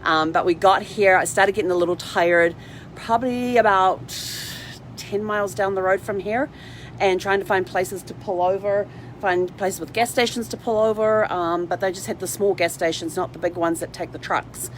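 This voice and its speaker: Sitting inside a parked RV, a vlog host chats casually and informally in a rambling livestream style, occasionally talking to her dog in asides. Her medium-pitched voice has fairly even intonation and normal speed, and the rough recording carries slight background noise.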